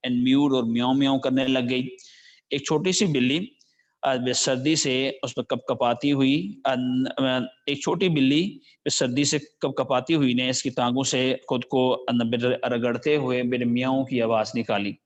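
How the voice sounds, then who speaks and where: In a line-by-line English lesson, a man with a Pakistani accent reads each line of a story slowly, then explains it in Urdu with plenty of fillers. His voice is medium-pitched, and the lo-fi recording sounds dull.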